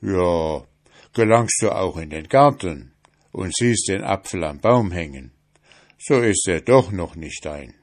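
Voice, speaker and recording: A huge, stern giant from a fairy-tale audiobook, speaking loud and commanding in a low voice. A man acts him out. He talks slowly and heavily, as if each word weighs a lot. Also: lively intonation, exaggerated voice. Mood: warning.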